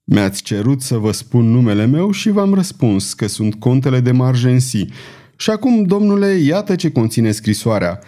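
A man doing a calm, ironic swordsman. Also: medium pitch, close to an everyday voice. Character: cool, witty male swordsman knight. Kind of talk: audiobook character voice.

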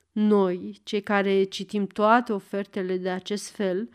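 A woman narrating a short story as an audiobook, reading in measured phrases with long pauses. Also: mid-range voice, a little mellow.

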